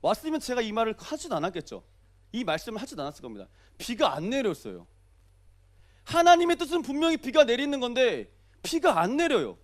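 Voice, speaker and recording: A young man preaches at a rapid clip, his high voice leaping up and down as he jokes. He keeps firing questions at the congregation and answering them himself. The delivery is lively and playful. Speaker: pastor. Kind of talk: early-morning sermon.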